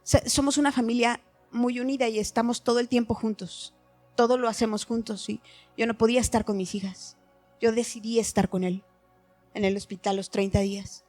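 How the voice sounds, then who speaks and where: A woman's voice: a little high, steady tone, a little fast, darkish tone, faint music behind. A middle-aged woman giving an earnest, heartfelt personal testimony at a church meeting.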